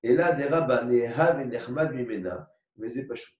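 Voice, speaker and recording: A man teaching a religious lesson, explaining slowly with many repetitions and asides and asking for agreement. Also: mid-range voice, darkish tone. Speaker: Torah teacher. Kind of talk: religious lecture with a parable. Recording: echoey room recorded from far off.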